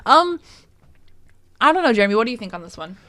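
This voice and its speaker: A woman co-hosting a casual podcast, upbeat and agreeable, quick to back up her partner. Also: fairly high pitch, sing-song, sharp tone. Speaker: podcast co-host.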